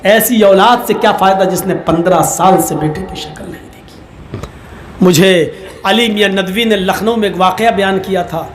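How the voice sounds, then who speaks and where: A man preaching a sermon, telling humorous stories with animated delivery that rises into fervent shouts. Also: high voice. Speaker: Islamic preacher. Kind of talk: storytelling sermon.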